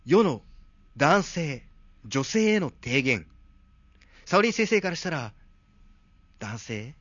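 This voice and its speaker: A male host with a fairly high, animated voice runs a comic talk show. He stays polite while teasing wryly. The sound is close and dry, if a bit muffled. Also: slow pace, dry recording.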